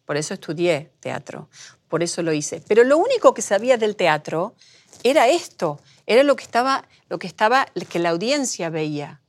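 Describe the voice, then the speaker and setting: A middle-aged woman from Argentina with an Argentine accent, a guest telling lively stories in an interview and acting out the voices she quotes. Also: medium pitch, moderate pace. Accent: Argentine Spanish. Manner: animated storyteller, acts out quoted voices. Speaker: guest, producer. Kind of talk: conversational interview.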